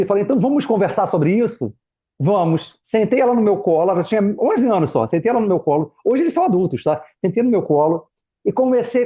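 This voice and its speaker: A man's voice: high voice, breathy edge. A middle-aged Brazilian man, a former pastor and guest, telling personal stories in a casual chat, acting out his children's voices. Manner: animated, acts out family members' voices in quotes. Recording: muffled lo-fi live stream audio.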